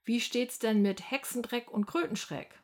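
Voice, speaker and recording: A man's voice: very high-pitched, unhurried. A woman doing a blustering portly policeman. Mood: flustered. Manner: bellowing, then flustered. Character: blustering self-important male policeman, portly. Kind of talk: storybook read-aloud.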